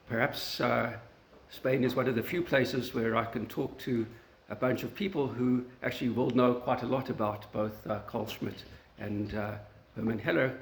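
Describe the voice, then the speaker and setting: A man from South Africa with a South African accent, giving an academic lecture in a university meeting room, halting often with fillers and restarts. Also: medium pitch, creaky, slight background noise. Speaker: guest lecturer. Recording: echoey lecture room recording.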